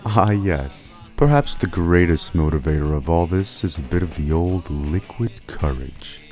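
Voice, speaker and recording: A man's voice: low voice, expressive, a little slow, a little mellow, faint music behind. A man narrating a documentary in a wry, mock-grand scripted style.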